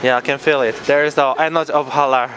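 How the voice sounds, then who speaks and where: A man's voice: mid-range voice, fairly even intonation, quick pace. Playful man in a noisy market. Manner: playful, jokey, mixes Korean and English. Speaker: vlog host. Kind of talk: casual market vlog chat. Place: busy outdoor street market. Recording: noisy outdoor street market.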